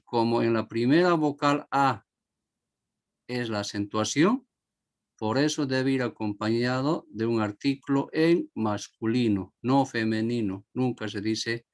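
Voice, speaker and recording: A man teaching a grammar lesson to a class, repeating each example word and asking if everyone understood. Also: medium pitch.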